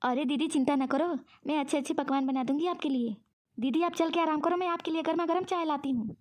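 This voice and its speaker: A woman's voice: sits high, fast, a little mellow, natural voice. A woman voicing a scheming younger friend who coaxes and tricks in a cartoon. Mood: coaxing. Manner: coaxing, sweetly persuasive. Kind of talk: cartoon voice acting.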